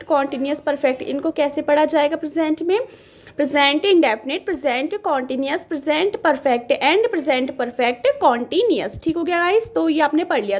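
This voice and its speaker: High-pitched female teacher, patient and repetitive, drawing words out slowly for a classroom grammar lesson. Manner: patient, repeats words slowly while writing.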